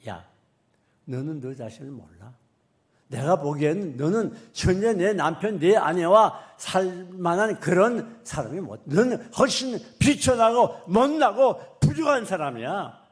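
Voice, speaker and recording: A pastor voicing God as a stern figure who bluntly rebukes a complaining listener in a loud, slowed, emphatic voice. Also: male voice, sits high, lively intonation, voice pushed up.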